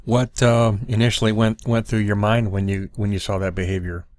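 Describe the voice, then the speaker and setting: A man interviewing guests, asking measured and gently probing questions. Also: lowish voice, little pitch movement.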